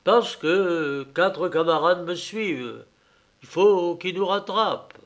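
A cowardly traveler bluffs, then frets aloud, voiced by a man reading a story. The voice sits a bit high and pushes hard. The words come out slowly. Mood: blustering. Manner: anxious, fretful muttering. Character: cowardly land surveyor, blustering then pleading.

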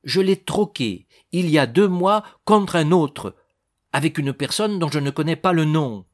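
A man's voice: a little high, animated, a little slow, pitched above the performer's own voice. A man voicing a male bandit under questioning, answering evasively and defensively.

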